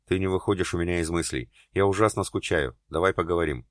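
An insistent, passionate man who refuses to let go, as a male narrator gives him voice. He sounds very deep, pleading and growling by turns. The sound is dry, with no room around it. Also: fast talker, no echo, lightly acted.

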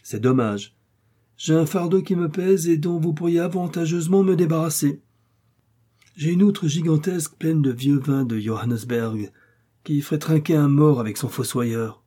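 A man's voice: a little high, moderate pace, warm tone, husky, voice pushed up. A man voicing a mysterious male stranger at the door, speaking in a sly, mocking way.

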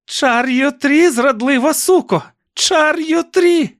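A man voicing a vengeful old woman who screeches shrill, frenzied curses. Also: slow pace, fairly bright tone, no room sound, studio quality, exaggerated voice. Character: shrieking vengeful old woman, spiteful aunt.

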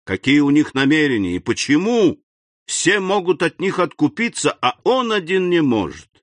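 A man reading a novel aloud, expressive storytelling narration. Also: a little high, normal speed, no echo. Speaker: audiobook reader. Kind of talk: scripted narration.

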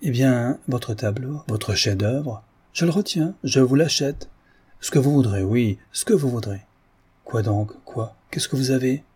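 A man voicing an excitable, fawning middle-aged notary who heaps effusive praise on everyone. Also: mid-range voice, unhurried, slightly rough, pitched above the performer's own voice. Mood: gushing. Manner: gushing, effusive flattery. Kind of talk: audiobook character reading.

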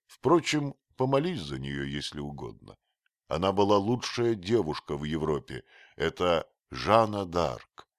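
A man voicing a blunt, hot-tempered young archer who speaks loudly and forcefully in a read-aloud story. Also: deep voice, sing-song, unhurried, dry recording, clean studio sound, voice pushed up. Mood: blustering. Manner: loud and forceful.

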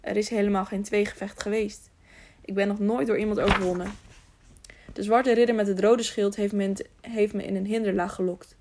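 A woman reading as a dying masked knight, weak and whispery, with a gravelly edge. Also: medium pitch, steady tone, brisk, a little mellow, slight background noise, natural voice. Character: gravely wounded masked male knight, proud.

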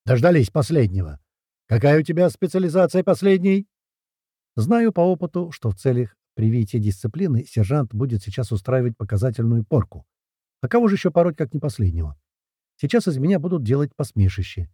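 A man narrating a first-person fantasy audiobook in an expressive, lively storytelling manner. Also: medium pitch, a little fast, slightly rough, dry recording, clean studio sound.

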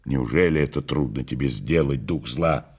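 A man's voice: a bass voice, normal speed, a little mellow, breathy edge, pitched below the performer's own voice. A man playing a sorrowful, grave male disciple who speaks in a pleading, somber way.

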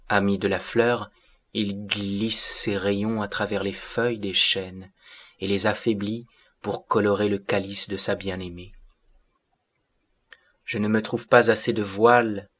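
A man's voice: fairly low pitch, fairly bright tone. A man voicing a sorrowful, otherworldly seraphic being who speaks in solemn, lofty declamation. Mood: mournful.

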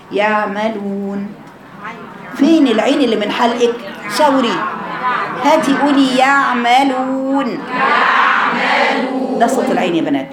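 A woman's voice: mid-range voice, echoey room, noisy background. A woman with an Egyptian accent teaching her female students how to pronounce throat letters, asking questions and chanting examples. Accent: Egyptian Arabic. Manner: explains with questions, demonstrates sounds by drawn-out chanting. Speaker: Quran recitation teacher. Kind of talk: informal tajweed lesson to female students.

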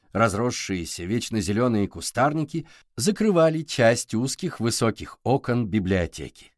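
A man narrating an audiobook with expressive storytelling. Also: medium pitch, no echo, clean studio sound.

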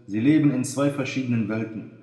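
A man's voice: mid-range voice, brisk, dark tone, natural voice. A man voicing a sad teenage girl who feels unloved by her mother, reading her lines in a plaintive, earnest way. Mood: sorrowful. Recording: echoey room.

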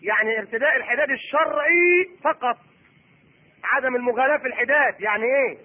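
A middle-aged Egyptian preacher talks very fast in a sharply high voice, acting out voices of husbands and wives. His voice is husky. The recording is thin and tinny, like a phone line. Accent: Egyptian Arabic. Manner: animated, acts out husband and wife voices. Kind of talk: Egyptian colloquial sermon.

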